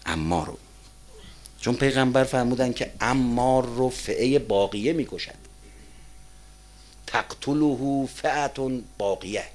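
A man giving a sermon, rising to loud emphatic peaks and dropping to quiet asides, reciting verse slowly. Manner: emphatic, rises to loud peaks then drops to low asides. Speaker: cleric preacher.

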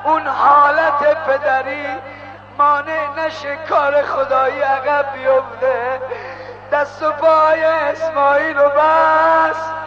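A man preaching a dramatic sermon, telling the story with passion and breaking into shouts and chanted lines. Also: very high-pitched, little pitch movement. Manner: impassioned, bursts into shouting and chanting. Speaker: religious preacher. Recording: dull lo-fi recording with music. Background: music.

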